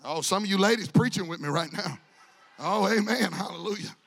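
Male pastor, high bright voice, animated storyteller who plays every character, church hall echo. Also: fairly quick, creaky. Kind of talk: storytelling sermon. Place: church sanctuary.

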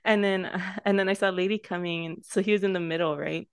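A woman's voice: lowish voice, fairly even intonation, fast talker, clear, resonant tone, dry recording, clean studio sound. A young woman co-hosting a casual chat podcast, talking in a chatty, easygoing way full of "like" fillers. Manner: chatty, soft-spoken, many "like" fillers. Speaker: podcast co-host.

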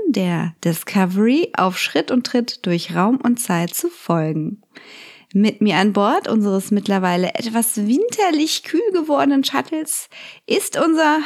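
A woman co-hosting a podcast, moving between casual chat and scripted recaps. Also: on the high side. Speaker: podcast co-host.

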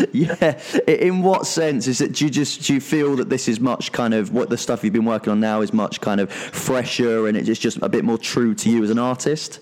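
A man's voice: medium pitch, fairly even intonation, moderate pace, darkish tone. A man interviewing a musician, asking long, rambling questions full of restarts and fillers. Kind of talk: casual interview.

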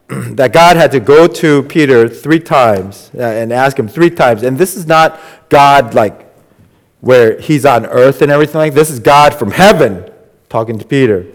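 A man preaching a sermon in a halting, conversational way, with many fillers and restarts, raising his voice when he quotes. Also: medium pitch. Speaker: pastor. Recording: long hall reverb.

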